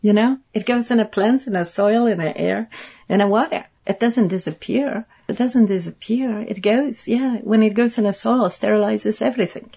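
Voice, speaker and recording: Earnest Polish woman, gravelly voice. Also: medium pitch, moderate pace, warm tone. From Poland. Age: middle-aged. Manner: earnest, repeats herself for emphasis. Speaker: guest. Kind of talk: interview conversation. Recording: dull lo-fi sound.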